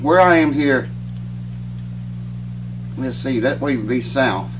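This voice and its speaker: Middle-aged male vlogger, winded and folksy, mid-pitch, set back from the mic with a steady hum behind. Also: slow. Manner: folksy, rambling, says "man" a lot. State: out of breath. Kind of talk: casual chat to camera. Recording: distant mic with clear hum.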